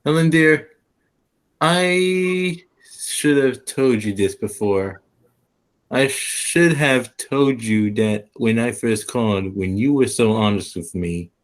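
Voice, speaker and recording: In a 1940s-style radio play, a man portrays a gentle, bashful middle-aged salesman, speaking in a hesitant, measured way as he sheepishly confesses. His voice is mid-range and natural.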